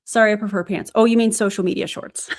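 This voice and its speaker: A woman's voice: mid-range voice, steady tone, fast talker. A woman hosting a casual livestream, chatting and thanking viewers from the chat. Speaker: livestream host.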